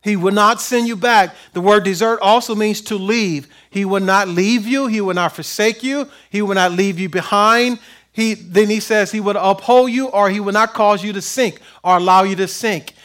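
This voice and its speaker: A man's voice: high-pitched, moderate pace, a bit bright. A man preaching a sermon, reading verses and asking the congregation to finish his lines, building to emphatic peaks. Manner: call-and-response questions, rising to emphatic peaks. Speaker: pastor.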